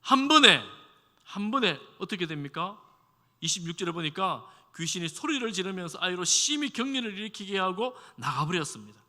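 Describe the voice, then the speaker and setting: In a church sanctuary, a male pastor gives a conversational sermon, asking the congregation questions and acting out quoted speech. His voice sits high with big pitch swings, a little fast, bright and forceful, and the recording has long hall reverb.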